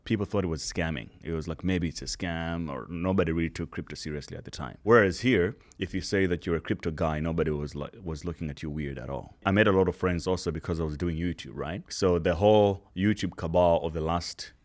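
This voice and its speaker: A man, a guest telling his story in a relaxed, casual interview chat. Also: low voice, brisk, hardly any pauses. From Malawi. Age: 30s.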